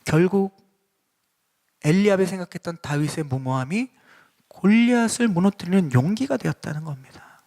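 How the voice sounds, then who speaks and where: A man's voice: sits high, animated, moderate pace, long pauses, a little mellow. A male pastor preaching a sermon in a church and putting questions directly to the congregation. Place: church sanctuary.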